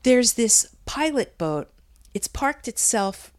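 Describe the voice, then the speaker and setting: In a casual interview, a Brooklyn beauty brand founder in her fifties chats loosely, laughing, rambling and restarting her thoughts. Her voice is slightly high and slow, and she comes across as relaxed and unscripted.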